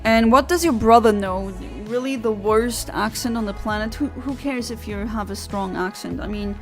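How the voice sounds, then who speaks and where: Speaking at a moderate pace in a somewhat high voice, this female streamer with a non-native English accent plays a game while casually answering chat. Chatty and self-deprecating, she laughs at her own errors and uses many fillers and restarts, with faint music behind her.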